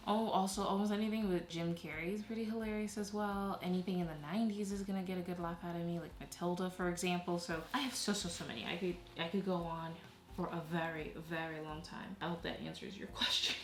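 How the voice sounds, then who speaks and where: A woman's voice: on the low side, steady tone, fast talker, faint music behind. A woman who grew up in Haiti, chatting casually while she does a craft project, laughing often and trailing off mid-thought. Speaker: vlogger. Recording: echoey room.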